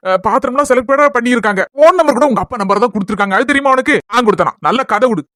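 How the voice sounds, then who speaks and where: A gentle young husband coaxes and reassures his bride at a brisk pace, as a woman voices him. The Kanyakumari Tamil accent and lowered cartoon voice sound dry and close to the mic. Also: expressive, no echo. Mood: coaxing. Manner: coaxing, reassuring. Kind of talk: cartoon voice acting.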